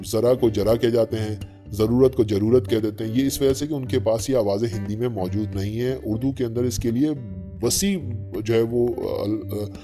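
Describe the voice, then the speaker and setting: A man giving a conversational lecture, often checking in with his listeners and reciting verses slowly. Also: fairly low pitch, mellow. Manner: conversational, fillers and frequent "theek hai ji" asides. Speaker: teacher. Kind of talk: spoken lecture on language history.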